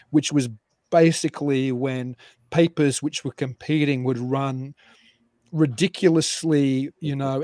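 A man guest historian explaining at length on a live call-in show, animated and digressive with frequent restarts. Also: a little high, no room sound, studio quality.

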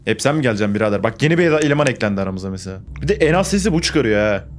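A man's voice: on the low side, animated, racing, a little hiss or hum. Jumpy young man narrating a horror game. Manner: jumpy, swears and talks back to the game. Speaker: gaming YouTuber. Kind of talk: horror game let's play commentary.

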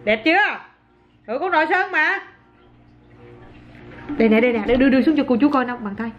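Chatty mom, high voice. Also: female voice, expressive, fast talker, dull audio, crowd noise. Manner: chatty, exclaiming, coaxing a small child. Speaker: mother filming her toddler. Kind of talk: casual home vlog.

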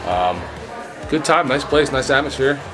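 A middle-aged man talks in a relaxed, rambling way, filming himself with a phone held at arm's length. He sounds like a casual vlog host chatting with a friend, and music plays softly behind him. His pitch sits in an ordinary middle range. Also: moderate pace, a crowd in the background. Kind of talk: casual chat reviewing a brewery. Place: indoors in an old bank vault, later outdoors. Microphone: phone camera at arm's length.

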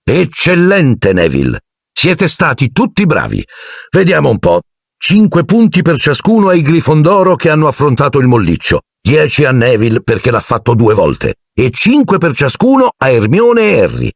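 A man's voice: a little high, wildly swooping pitch, moderate pace, gravelly, dry recording, clean studio sound, pitched above the performer's own voice, full character voice. A man voicing a cheerful, encouraging middle-aged male teacher in an audiobook, calling out praise with enthusiasm.

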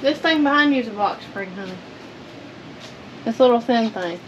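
A woman's voice: a little high, expressive, normal speed, highs cut off. A woman in her thirties chatting casually as a vlog co-host in a plain-spoken, practical way. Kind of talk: casual chat. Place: inside a metal storage unit. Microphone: camera a few feet away. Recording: noisy ambient background.

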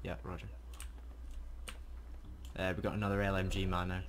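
A man's voice: low voice, completely flat delivery, normal speed. Man giving clipped game callouts, some noise. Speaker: player in an online military game squad. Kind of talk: casual tactical game chatter. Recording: noisy game voice chat, typing sounds.

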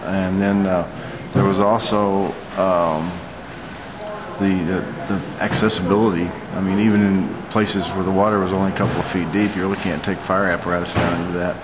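Low-pitched, even-toned man in his forties. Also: a crowd in the background, low-quality recording. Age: 40s. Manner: matter-of-fact, halting delivery. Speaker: storm chaser giving an eyewitness report. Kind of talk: unscripted vlog account. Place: hotel lobby, indoors.

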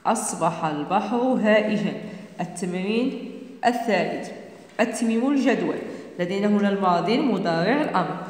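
A woman's voice: mid-range voice, lively intonation, a little mellow. Moroccan woman teacher in an echoey room. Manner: dictates slowly, repeating each word. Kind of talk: primary school exam correction. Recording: echoey room with long reverb.

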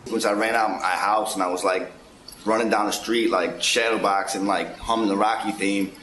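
A man's voice: fairly low pitch, fairly even intonation, normal speed, a bit bright, roomy sound, a little hiss or hum, low-quality recording. A man in his twenties telling a casual story indoors, rambling with lots of fillers. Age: 20s. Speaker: interviewee. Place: indoors, plain wall.

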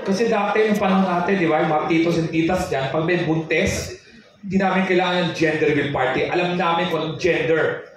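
A Filipino man doing live stand-up comedy, animated and acting out quoted voices. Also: brisk, far from the mic, slight background noise. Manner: animated, acts out quoted voices in a high pitch. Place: comedy stage before a live audience. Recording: echoey live venue miked from afar, audience laughter.

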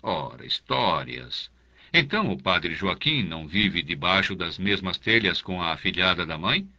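A man's voice: low-pitched, big pitch swings, unhurried, sharp tone, highs cut off, exaggerated voice. A man voicing a pompous, self-satisfied older canon priest in an audiobook, speaking in a confidential, lingering way. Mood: dismissive. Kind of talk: audiobook character voice.

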